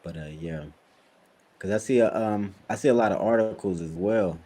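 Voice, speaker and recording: A man's voice: on the low side, moderate pace, dark tone. A man co-hosting a casual podcast chat, talking in a loose, rambling way. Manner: loose, rambling, many fillers. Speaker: podcast co-host.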